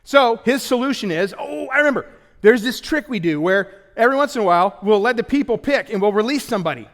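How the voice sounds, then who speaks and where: A man preaching a sermon in a conversational, joking way, with sudden loud bursts. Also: extremely high pitch, lively intonation, quick pace, big-room sound. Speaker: pastor. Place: church auditorium.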